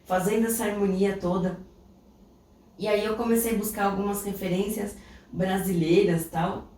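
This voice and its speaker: A steady, warm mid-range voice at a moderate pace belongs to a Brazilian woman co-hosting a podcast. She shares a personal story casually and reflectively in a Brazilian Portuguese accent, recorded in an echoey room on a distant mic with faint noise.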